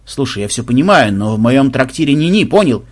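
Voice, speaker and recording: Burly, blustering tavern keeper, played by a man; loud, husky, talkative. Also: medium pitch, sing-song, a little fast.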